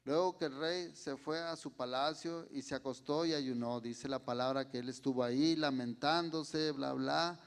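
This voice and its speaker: A man with a Mexican Spanish accent preaching a sermon in a slow, deliberate way, often checking in with his listeners. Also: medium pitch, fairly even intonation, gravelly, smooth.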